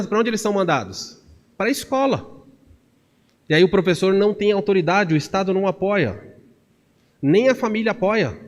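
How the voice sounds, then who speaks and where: A man preaches to his congregation with a voice that sits a little high for a man, telling everyday stories with energy and mimicking the people he quotes. His words ring out with a long reverb tail in a church hall. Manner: animated storytelling, acting out quoted voices. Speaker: pastor. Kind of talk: sermon.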